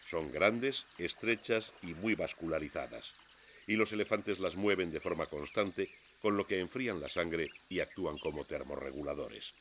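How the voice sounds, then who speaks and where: A man narrates a scripted nature documentary in a measured, expository storytelling manner. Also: deep voice, fairly bright tone, a little hiss or hum.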